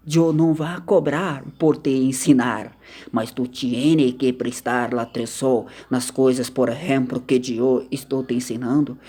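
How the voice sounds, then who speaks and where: A man from Argentina, teaching vocabulary in a slow, repetitive way and mixing in words. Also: mid-range voice, darkish tone. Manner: slow, repetitive, mixes Spanish into Portuguese. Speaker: language teacher. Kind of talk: casual vocabulary lesson to camera.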